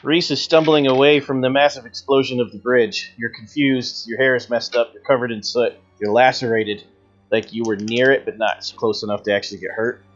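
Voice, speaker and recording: A man's voice: mid-range voice, steady tone, fairly quick, dull audio, faint music behind. A man narrating a tabletop horror game as game master, with dramatic storytelling. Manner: dramatic second-person storytelling. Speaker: game master, show host.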